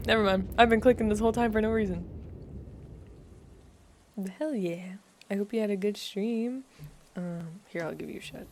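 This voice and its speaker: A woman's voice: mid-range voice, normal speed, long pauses, darkish tone, a little hiss or hum. A woman giving casual live commentary while playing a game for her stream, giggling often and chatting to her viewers.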